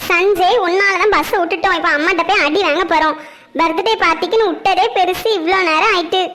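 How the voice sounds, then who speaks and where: A woman voicing a whole cast of children and mothers in a cartoon family drama, bright and animated, scolding and bickering. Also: very high voice, brisk. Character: shifting cast of girls, boys and mothers. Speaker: voice actor for several family characters.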